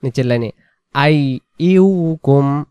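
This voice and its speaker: Guy teaching quran reading, says each word over and over slow, clean clear voice, dry close sound. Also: mid-range voice, mellow, no echo, muffled recording. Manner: repeats words slowly, then explains rules in quick patient asides. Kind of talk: tajweed lesson, word-by-word drilling.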